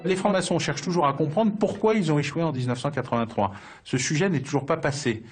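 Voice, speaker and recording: A man's voice: on the high side, quick pace, soft background music. A man answering in a documentary interview, hesitant with frequent fillers. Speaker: interviewee, expert.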